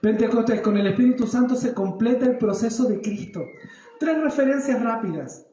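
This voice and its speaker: At a normal speed and in a very high voice, a pastor from Chile, aged in his 30s, gives a sermon during a church service. Telling tales from his own life, he acts out his prayers and asks the congregation questions, all in an echoey church hall.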